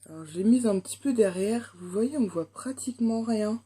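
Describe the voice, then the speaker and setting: A woman's voice: on the high side, moderate pace, dark tone, breathy edge. A young woman with a French accent reviewing a makeup palette in a casual, hesitant way, full of fillers. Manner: chatty, hesitant, many fillers. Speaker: beauty vlogger.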